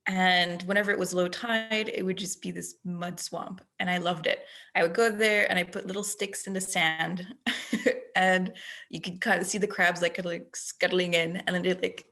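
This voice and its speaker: A woman's voice: on the low side, vocal fry, fairly bright tone. A woman telling a story in a casual interview, lightly chuckling between phrases. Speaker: interview guest.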